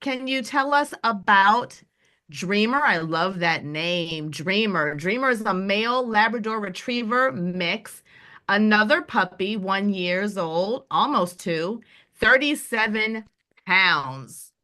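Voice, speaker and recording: A woman's voice: medium pitch, lively intonation, slow, pushed and bright. A woman hosting a virtual dog adoption event, asking fosters questions in a friendly, upbeat way over a video call. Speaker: event host.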